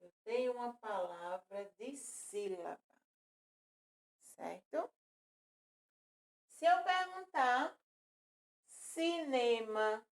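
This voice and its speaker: A woman teaching a children's lesson, patiently repeating words and counting syllables aloud. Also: high-pitched. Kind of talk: recorded classroom lesson for children.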